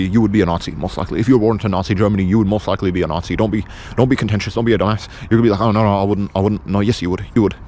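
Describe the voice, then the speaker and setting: Very fast-talking British man, bluntly insistent. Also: fairly low pitch, darkish tone, slight background noise. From England. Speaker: video presenter. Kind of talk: unscripted opinion monologue.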